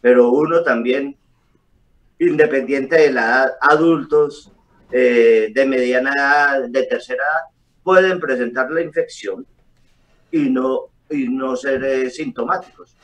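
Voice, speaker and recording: A middle-aged man, a doctor, explaining calmly over a video call with frequent hesitations. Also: mid-range voice, a little slow. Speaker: doctor guest. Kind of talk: explanatory interview answers. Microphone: webcam on a video call. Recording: distant video call audio.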